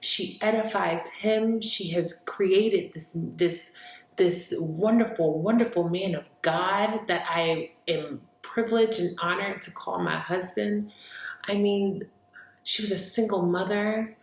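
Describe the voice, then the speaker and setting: A woman's voice: medium pitch, slow. A woman telling a personal story in an earnest, heartfelt way, speaking openly about her faith. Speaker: vlogger sharing a personal story. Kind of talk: casual storytelling monologue. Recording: echoey room.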